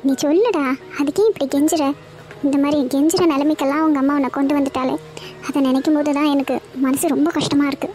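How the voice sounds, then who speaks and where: A woman's voice: high-pitched, steady tone, fast talker, warm tone, faint music behind, lightly acted. A woman voicing a caring old grandmother in a cartoon, who speaks soothingly. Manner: soothing, reassuring.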